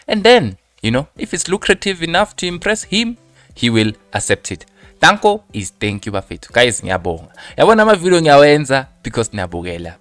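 Deep-voiced young South African man. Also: fairly bright tone, dry recording. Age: young adult. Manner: conversational, addresses viewers as friends. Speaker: football news presenter. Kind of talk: casual football news update mixing English with Zulu. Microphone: handheld microphone close to the mouth.

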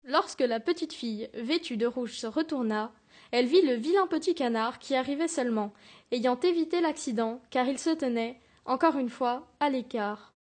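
A student narrating a fairy-tale storybook about road safety for a school project, reading steadily aloud. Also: female voice, high voice, normal speed, darkish tone.

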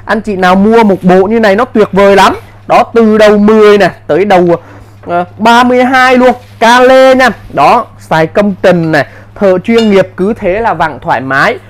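A man giving an insistent hard-sell live sales pitch as a seller, in short, repetitive bursts. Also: normal speed. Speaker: live-sale seller of power tools.

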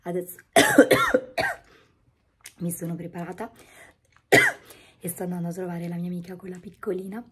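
A woman chats casually to a vlog camera, hoarse and losing her voice, at times breaking into a whisper. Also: fairly low pitch, fairly even intonation, fairly quick, long pauses, background noise. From northern Italy. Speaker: daily vlogger. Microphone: phone at arm's length.

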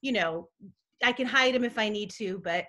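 A middle-aged woman chatting as a guest from home, telling lively stories and acting out the people she quotes. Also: medium pitch, moderate pace. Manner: lively storyteller who acts out quoted people. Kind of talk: casual chat.

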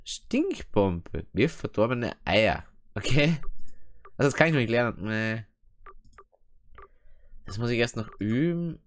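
An Austrian let's player gives casual, slangy gameplay commentary, sprinkling in English exclamations over game music and clicking. His mid-range voice swings widely in pitch, at a measured pace with frequent pauses.

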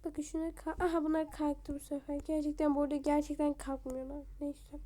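A woman's voice: sits high, level tone, brisk, mellow. A woman giving casual gameplay commentary as a game video creator, chatty and talking straight to her viewers, muttering to herself while she builds.

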